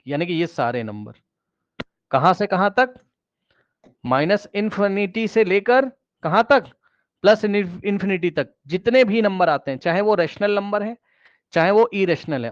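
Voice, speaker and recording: A man's voice: high-pitched, no room sound, highs cut off. A man teaching a math class, questioning students directly and repeating key phrases, mixing English math terms into his explanation.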